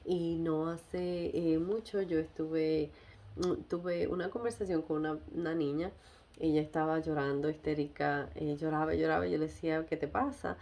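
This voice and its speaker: A woman sharing a personal testimony in a sermon, reflective and hesitant, often pausing and checking in with her listeners. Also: low voice, level tone, mellow. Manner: reflective, with many hesitations and tag questions. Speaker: speaker sharing a devotional message.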